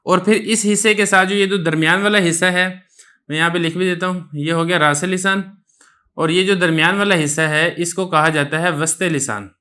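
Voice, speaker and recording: A man's voice: sits high, fairly even intonation, pushed and bright. A man teaching a religious lesson on pronouncing letters, explaining step by step in a patient way and asking questions that he then answers himself. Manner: sustains a drawn-out letter sound when demonstrating pronunciation. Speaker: Quran recitation teacher.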